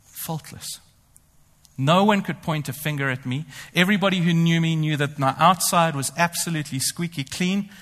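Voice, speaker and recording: A man delivers a sermon at normal speed in a voice pitched a little high for a male speaker. His style is animated and ironic, at times slipping into first-person boasting. A long hall reverb gives the sound a church-like feel.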